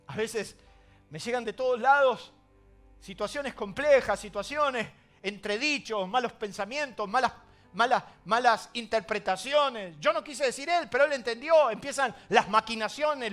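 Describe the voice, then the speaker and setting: Rioplatense pastor guy preaching, really high bright voice, goes loud then hushed. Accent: Rioplatense Spanish. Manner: preaching with sweeping swings between loud emphasis and hushed asides. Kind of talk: sermon.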